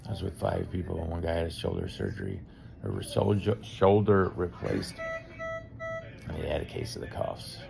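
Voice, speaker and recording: Over music, a low-pitched, creaky male voice with big pitch swings talks at normal speed. He's a vlogger in his 50s filming a phone video diary, first in a car and later in a hospital room, anxious, rambling, and putting himself down.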